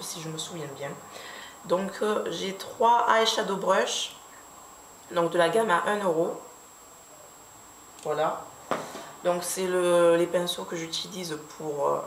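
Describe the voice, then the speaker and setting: Hesitant, lower-voiced woman in an echoey room. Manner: hesitant, many fillers, unhurried explaining. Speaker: beauty vlogger. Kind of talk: casual product review. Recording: echoey room with faint background hiss.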